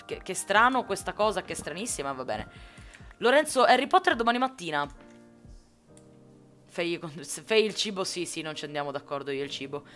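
A woman's voice: lowish voice, sing-song, normal speed, a bit bright, soft background music. A woman from Sicily chatting casually with viewers while streaming a game, answering their comments with jokes. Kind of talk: casual live gameplay chat.

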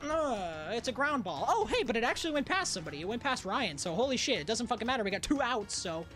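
A woman's voice: fairly high pitch, very animated, quick pace, a bit bright. A young woman commentating on her gameplay as an exasperated raging gamer, ranting and swearing heavily. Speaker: gaming streamer. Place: indoor room at home. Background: faint video game music.

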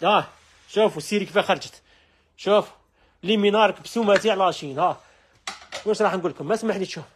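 A man with an Algerian accent running a live sales stream from a household goods shop, with rapid, repetitive calls to look at the wares. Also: high voice, a little hiss or hum. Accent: Algerian Arabic.

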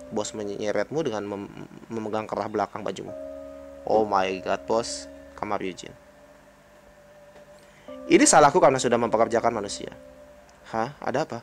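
Brisk yet pausing often, this man reads a visual novel's lines over soft background music, his Indonesian accent clear. He plays every role in his own voice, rises to a high pitch when lines turn excited, and chats casually in between.

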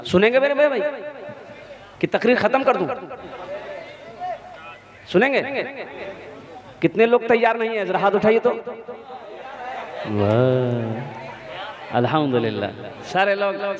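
A man with a West Bengal accent preaching a sermon at a night gathering, telling stories with dialogue and urging the crowd on. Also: high voice. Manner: storytelling with dialogue, exhorting the crowd. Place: outdoor gathering with a large crowd. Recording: crowd heard behind the voice.

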